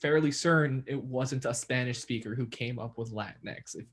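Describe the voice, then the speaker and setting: A young adult man from New York, USA co-hosts a podcast, chatting casually but hesitantly with many fillers and restarts. His mid-range voice is husky and fairly bright, at a moderate pace.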